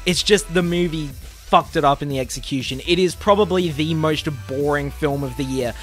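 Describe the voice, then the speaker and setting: A young man with an Australian accent rants through a casual review, his voice sitting a little high. He sounds exasperated and sarcastic and swears freely. Faint music plays behind him. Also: normal speed, fairly bright tone. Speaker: movie reviewer.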